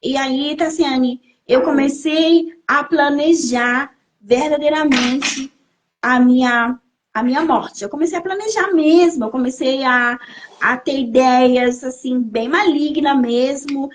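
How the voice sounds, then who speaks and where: A woman's voice: high-pitched, slow pace. A woman in her thirties from Brazil, a podcast guest telling her life story as an emotional testimony and repeating phrases for emphasis. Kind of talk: personal testimony in a podcast interview.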